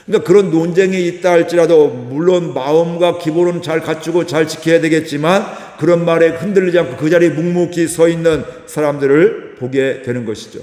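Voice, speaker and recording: A middle-aged male pastor giving a sermon in a church, explaining slowly and calmly with drawn-out fillers. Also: on the high side. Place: church sanctuary. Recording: echoey church hall with long reverb.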